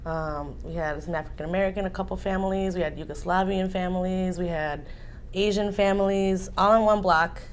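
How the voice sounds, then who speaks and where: A woman in her forties from Illinois, interviewed, talking casually and softly with many fillers. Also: fairly low pitch, steady tone, a little fast, slight background noise. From Waukegan, Illinois. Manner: soft-spoken, many ums and likes.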